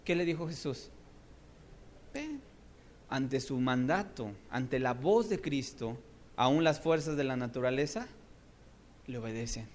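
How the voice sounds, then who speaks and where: A man preaching a sermon to his congregation, moving between hushed passages and loud, emphatic ones, and asking them rhetorical questions. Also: mid-range voice, expressive, unhurried, long pauses, slight background noise. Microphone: single microphone, audio only.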